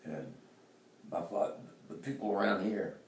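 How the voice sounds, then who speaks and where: A man's voice: low-pitched, unhurried, echoey room, recorded from a distance, slight background noise. An older man with an Appalachian accent, telling rambling stories from his life and chuckling often. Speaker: interviewee, father. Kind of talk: casual storytelling.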